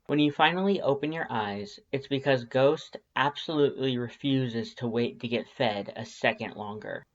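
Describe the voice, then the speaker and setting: An audiobook narrator with a middling pitch reads fiction at a moderate pace, expressive, wry and conversational. The home recording comes across a bit dull.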